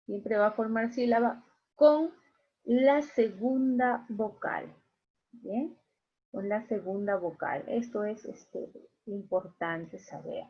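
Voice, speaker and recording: A woman's voice: mid-range voice, slow pace, slightly rough. A woman teaching an online class, patiently repeating key points and checking in with her students. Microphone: video call. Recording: muffled video-call audio.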